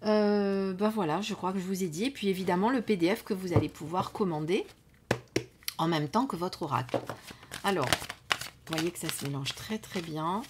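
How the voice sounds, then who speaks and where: A woman hosting a casual review of an oracle card deck, speaking softly and unhurriedly, often trailing off to near whispers, with frequent fillers. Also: fairly low pitch, normal speed, a little hiss or hum. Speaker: card reading channel host. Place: indoors at home under studio lights.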